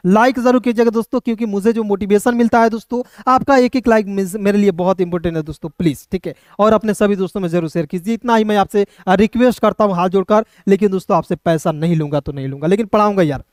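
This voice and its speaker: A man's voice: high voice, no room sound, studio quality. A man teaching English spelling in a Hindi phonics lesson, spelling words letter by letter and often asking his friends if they follow. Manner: repeats "doston" and checks understanding often; slow, spelled-out letter-by-letter explanation.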